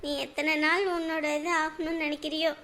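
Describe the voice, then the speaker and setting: A woman's voice: high-pitched, level tone, fairly quick, bright, forceful tone. A woman playing an insistent young woman pleading. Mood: tender. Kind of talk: Tamil web drama acting.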